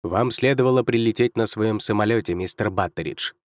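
A man's voice: on the low side, no room sound, clean studio sound, lightly acted. A man voicing a cheery young officer. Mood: cheery, amused. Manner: brisk, amused, raised lively voice. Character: cheerful stocky young male military officer. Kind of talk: audiobook character voice.

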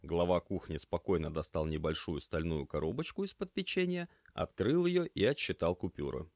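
A man narrating an audiobook with expressive storytelling. His voice is very low yet lively in its pitch movement. The recording is close and dry. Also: normal speed, no echo. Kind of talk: scripted narration.

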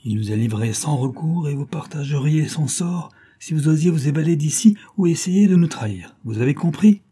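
A man voicing a boastful gang chief who threatens his captives with loud, sonorous phrases, in a storybook reading. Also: fairly high pitch, lively intonation, normal speed, husky, pitched above the performer's own voice. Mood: menacing.

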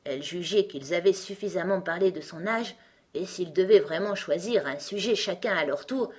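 A woman narrating a storybook in an even, measured way, with a husky voice. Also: lowish voice. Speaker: audiobook narrator.

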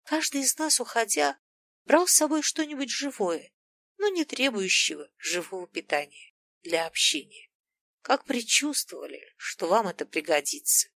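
Wise kindly sun spirit as a woman reads her, soft, unhurried, dry close sound, audiobook. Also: a little high, expressive, vocal fry, dry recording, full character voice. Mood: gentle. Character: gentle ancient female sun spirit, wise, teasing.

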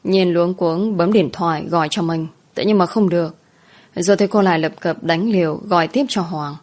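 A woman narrating a spoken story in a soft, even storytelling manner. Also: lowish voice, normal speed. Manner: soft, even storytelling, voicing every character herself. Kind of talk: storytelling narration with acted dialogue.

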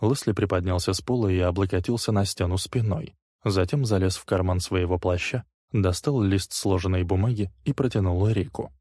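A man with a fairly low voice narrating a crime audiobook in a steady, even way. The sound is close and dry, with no room around it. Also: moderate pace, dry recording.

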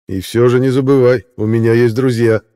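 A cool, sarcastic man taunting his captor with dry irony, as a male reader puts him on. The voice sits a little above the reader's own, dark and mellow. An audiobook character reading. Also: mid-range voice, steady tone, brisk, smooth, pitched above the performer's own voice, natural voice. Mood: ironic. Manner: dry and ironic. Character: cool, sardonic male captive, calmly taunting.

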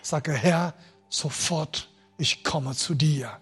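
Husky-voiced man preaching a sermon. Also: fairly high pitch, slow pace, soft background music. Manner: emotional, swings between loud and quiet; makes grammar slips and restarts.

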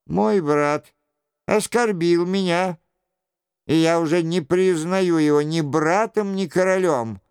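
A man's voice: on the high side, takes it slowly, a little mellow, smooth, dry recording, clean studio sound, voice pushed up. A man voicing a sulky, evasive young royal duke who talks in a petulant way.

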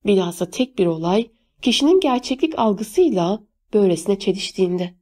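A woman reads a first-person novel aloud in a measured, steady voice. Her tone is mellow and warm, with a rounded, unhurried storytelling delivery. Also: medium pitch. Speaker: audiobook narrator.

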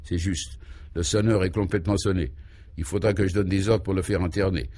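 In a radio serial, a man plays a troubled governor, speaking in a lowish, steady, slightly mellow voice. Solemn and anxious, he halts as he ruminates and gropes for words, his mood brooding.

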